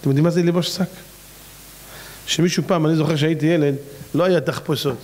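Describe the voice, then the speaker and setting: Rabbi guy preaching hard, pretty high voice, throws question after question at you, voice jumps all over. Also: steady tone, a little mellow. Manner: fires off rhetorical questions with big pitch swings. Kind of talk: fiery sermon.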